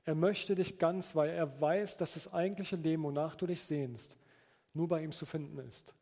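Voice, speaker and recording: A man's voice: on the high side, fairly even intonation, moderate pace, a little mellow. A man preaching an earnest sermon, reading scripture passages aloud. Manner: earnest, with quoted scripture read out. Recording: long reverb of a large hall.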